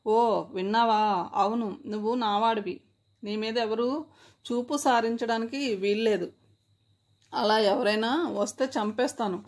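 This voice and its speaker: Storybook villainess: a woman reading as a spiteful, possessive young woman, bright and vehement. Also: fairly high pitch, fairly even intonation, measured pace, pauses often.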